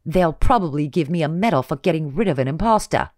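A reader voicing a gravelly, menacing male nobleman who taunts and threatens loudly. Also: medium pitch, lively intonation, quick pace, dry recording, studio quality, pitched above the performer's own voice, close to an everyday voice. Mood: vengeful.

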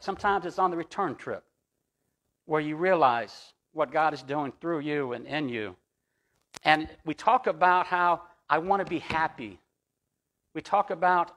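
Telling personal stories in a conversational way, this pastor has a fairly high, slightly bright voice. He restarts his sentences often as he preaches his sermon.

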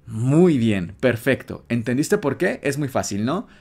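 A man's voice: medium pitch, very animated, creaky, a little mellow. A man teaching a beginner language lesson, patiently repeating phrases for the listener to copy. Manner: patient, slow and repetitive, drills phrases.

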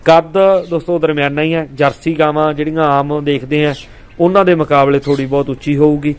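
A man's voice: on the high side, flat delivery, fairly quick, smooth. A man hosting a dairy farming video, walking viewers around a cow for sale in a friendly, casual way. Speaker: dairy farming vlog host. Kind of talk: casual livestock sale walkthrough. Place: outdoors on a farm.

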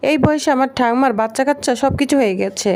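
Brief: brash young woman in love, teasing and talking back, high voice; a woman reading the part. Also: quick pace, a little mellow. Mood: cheeky.

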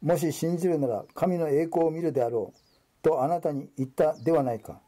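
A man reading the words of Jesus in a solemn, measured scripture reading. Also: fairly high pitch, dark tone, close to an everyday voice. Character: Jesus, calm authoritative male teacher.

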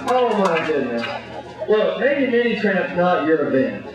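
A man's voice: sits high, sing-song, a little slow, over music. A man coaching in a comic gymnastics act, bossy and exasperated, scolding a clumsy student in front of an audience. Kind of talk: comic coaching patter over a live act. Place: large indoor gymnasium with audience. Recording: echoey distant muffled gym recording.

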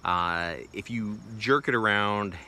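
A homesteading vlogger in his forties gives a casual, plainspoken how-to demo in a wooded bee yard, packed with loose fillers. His fairly low voice moves slowly and sounds sharp, with a slight hiss or hum from the phone camera held close. Crickets and insects chirp in the background.

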